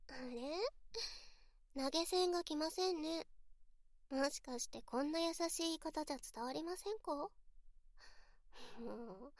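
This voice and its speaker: A woman's voice: sits high, no room sound, studio quality. A woman voicing a bratty young female streamer who speaks sweetly and politely while mocking and insulting her viewers, in a voice drama role-play. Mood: teasing.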